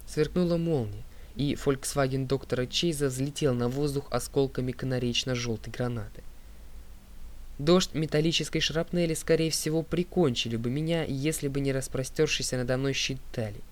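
A man reading an audiobook as narrator, in a steady, clear voice that drops low on speaker tags. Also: normal speed. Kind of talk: scripted narration.

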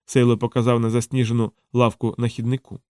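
Calm man reading a novel, dry sound. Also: mid-range voice, fast, clear, resonant tone, dry recording. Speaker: audiobook narrator. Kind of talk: scripted novel narration.

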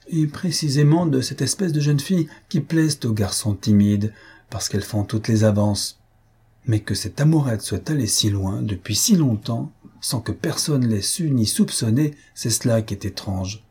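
A man voicing a chatty, self-important older woman who gossips and exclaims excitedly in a storybook reading. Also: fairly low pitch, moderate pace, breathy edge. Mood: gossipy.

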